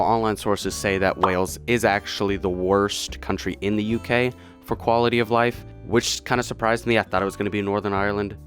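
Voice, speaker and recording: Young guy, kinda low voice, jokey casual vlog chat, faint guitar music behind. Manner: chatty, jokey, trails off quietly at phrase ends. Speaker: YouTuber ranking countries.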